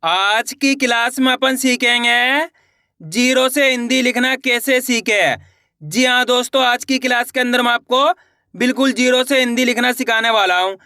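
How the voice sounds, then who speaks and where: Male teacher, Hindi accent from India, step-by-step lesson, bright, dry close sound. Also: very high voice, steady tone, moderate pace, clear, resonant tone, no echo. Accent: Hindi-speaking India. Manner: repeats words, asks and answers own questions.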